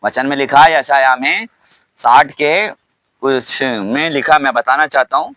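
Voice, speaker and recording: A man pastor preaching a sermon, shouting hallelujah often and asking the congregation questions. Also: mid-range voice, unhurried, no echo, low-quality recording. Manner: preaching with frequent hallelujahs and call-and-response questions.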